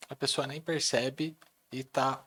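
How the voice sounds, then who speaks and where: A man hosting a podcast, calmly asking his guests questions. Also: medium pitch, takes it slowly, husky. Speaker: podcast host. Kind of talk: interview questions.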